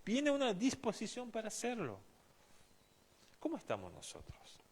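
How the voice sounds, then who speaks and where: Animated Argentine preacher man. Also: sits high, normal speed, slight background noise. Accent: Argentine Spanish. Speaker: pastor. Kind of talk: sermon.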